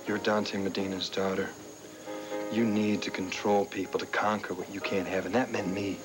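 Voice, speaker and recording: A man's voice: low voice, little pitch movement, normal speed, over music, natural voice. An actor playing a scornful, self-assured man in a television soap opera, with a sarcastic, cutting, emphatic delivery. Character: scornful, self-assured man berating his former lover.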